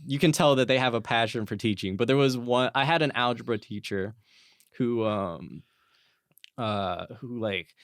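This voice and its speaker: A man's voice: mid-range voice, moderate pace, no echo, clean studio sound. A young man hosting a podcast in a casual chat, rambling and restarting his sentences a lot. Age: young adult. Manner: rambling, stammering restarts, frequent "like". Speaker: podcast host.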